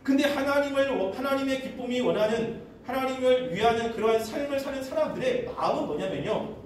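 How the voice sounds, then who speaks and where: A man's voice: extremely high pitch, animated, brisk. A male pastor preaching to a young adult congregation, reading scripture aloud and asking rhetorical questions. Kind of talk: sermon. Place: church hall. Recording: echoey church hall mic from a distance with faint noise.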